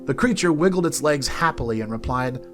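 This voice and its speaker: Expressive male storybook narrator. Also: a little high, brisk, soft background music. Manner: expressive, soft-spoken reading. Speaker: narrator and game company host.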